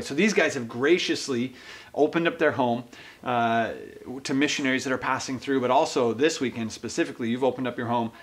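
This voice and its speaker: A man's voice: mid-range voice, a bit bright. Effusive man hosting a home interview. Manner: enthusiastic, effusive, laughs often. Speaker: host of a mission organization video. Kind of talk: casual interview. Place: guests' home.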